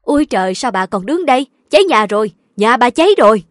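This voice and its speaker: A woman's voice: fairly high pitch, animated, quick pace, dry recording, studio quality, lightly acted. A woman voicing an alarmed village woman calling out urgently.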